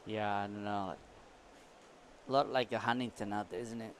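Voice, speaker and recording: A man's voice: on the low side, steady tone, normal speed, a little hiss or hum. A man co-commentating a surf contest casually, with laid-back, informal surfer talk.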